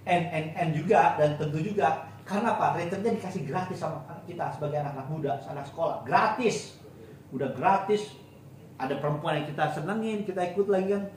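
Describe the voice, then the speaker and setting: A man from eastern Indonesia, a pastor giving a sermon with a personal testimony in an animated storytelling way, heard in a large church hall. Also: a little high, fairly quick, a little hiss or hum. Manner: animated storytelling, acts out friends' voices, sings snatches. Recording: very echoey hall, from far off.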